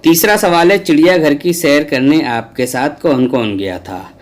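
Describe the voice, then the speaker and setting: A man's voice: fairly high pitch, normal speed. A man teaching a school Urdu lesson, reciting a children's poem and then explaining the exercises patiently.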